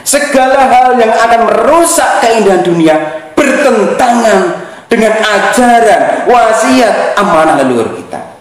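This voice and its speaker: Animated Javanese man in an echoey room. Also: high voice. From Java. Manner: emphatic, repeats key phrases, mixes in Javanese. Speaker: spiritual teacher. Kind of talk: teaching talk.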